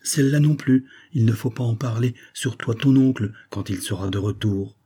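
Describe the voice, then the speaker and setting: Distressed mother in a storybook, earnest and gentle, read by a man, dark and husky. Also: mid-range voice, normal speed, close to an everyday voice. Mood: troubled. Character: distressed mother of a young boy.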